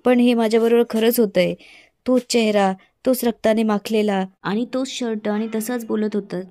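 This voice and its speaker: A woman's voice: on the high side, moderate pace, no echo, close to an everyday voice. A woman reading a scheming young villainess. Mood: frightened. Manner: read in the narrator's own even voice.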